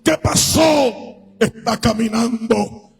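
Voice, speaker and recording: A man's voice: extremely high pitch, takes it slowly, creaky, raised voice, soft background music, full character voice. A male preacher voicing a startled aunt, a former witch, exclaiming urgently. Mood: astonished.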